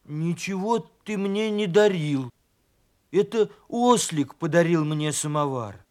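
A man voicing a frightened little bear cub who shouts and blusters defensively. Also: fairly high pitch, animated, slow pace. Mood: alarmed.

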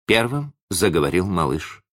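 A man narrating a children's story in an expressive, animated audiobook reading. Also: sits low. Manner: animated storytelling, slow and deliberate.

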